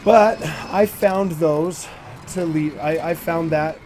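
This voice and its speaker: Slow and darkish, a slightly high male voice comes from a forties-aged gaming host rambling through casual racing game commentary with many fillers. Soft background music plays along with the game's engine sounds.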